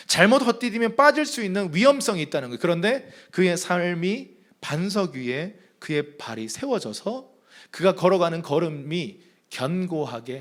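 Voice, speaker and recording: A male pastor delivers a sermon in a church with a high, bright-sitting voice. His pitch leaps and dips constantly as he presses each point. He preaches emphatically and calls the congregation to read along with him. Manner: emphatic preacher, leads congregation in reading aloud. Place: church sanctuary.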